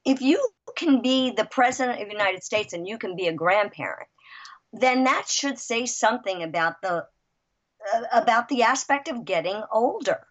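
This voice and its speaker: A woman in her sixties, a writer and guest, chatting in an interview, lively and emphatic, with frequent restarts. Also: fairly high pitch, moderate pace. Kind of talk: casual interview chat. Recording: dull lo-fi audio.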